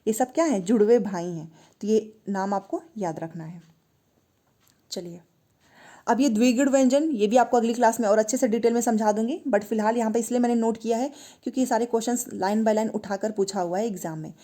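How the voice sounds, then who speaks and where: Female grammar tutor, fairly high, warm tone, coaxing students to say sounds back. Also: brisk. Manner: explains step by step, asks and answers own questions; has students repeat sounds aloud. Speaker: Hindi grammar teacher. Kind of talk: online exam-prep lesson.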